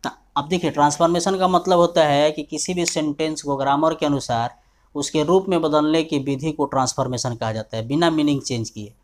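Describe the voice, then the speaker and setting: A male teacher explaining grammar rules step by step. He keeps asking whether students have understood, and he slows down to dictate example sentences. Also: on the high side, fairly even intonation.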